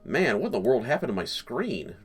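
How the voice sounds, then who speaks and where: Male let's-play host, casual, rambling, lively intonation. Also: medium pitch, fairly quick, slightly rough, faint music behind. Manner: rambling, joking, chuckles often. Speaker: gaming channel host.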